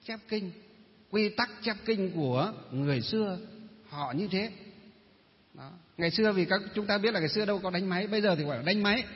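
Northern vietnamese monk man giving a sermon, kinda high voice, asks himself questions then answers, dull muffled audio. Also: brisk. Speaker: Buddhist monk teacher. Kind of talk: dharma talk sermon. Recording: reverberant hall, dull muffled sound.

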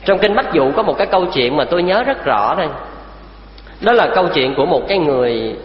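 A man delivers a Buddhist sermon in a high, animated voice that rises and falls with emphasis. He keeps turning to his listeners with rhetorical questions. The recording is dull and lo-fi, ringing in a roomy hall. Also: fast talker. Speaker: Buddhist preacher. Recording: echoey hall, dull lo-fi sound.

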